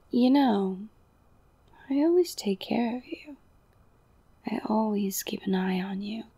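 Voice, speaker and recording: A young woman whispering an intimate ASMR roleplay, slow and soothing, softly domineering and coaxing. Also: mid-range voice, lively intonation, creaky, slightly rough, no room sound. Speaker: audio roleplay performer.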